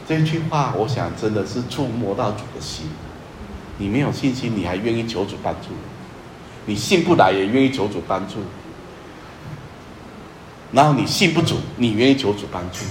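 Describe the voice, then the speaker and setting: A male pastor preaching in an earnest, emphatic way, with a middle-pitched voice. He repeats key phrases and often sinks to a soft, low tone. The recording is echoey with a faint hiss. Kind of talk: sermon.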